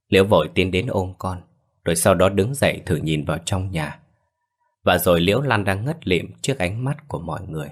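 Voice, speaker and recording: A man narrating a scripted horror story in a steady, matter-of-fact way. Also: deep voice.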